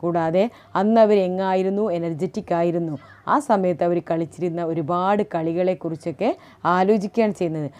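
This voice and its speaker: A woman's voice: lowish voice, dark tone. A woman teacher with a Malayali accent explaining a poem, reading lines aloud and asking questions that she answers herself. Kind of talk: class lesson explaining a poem.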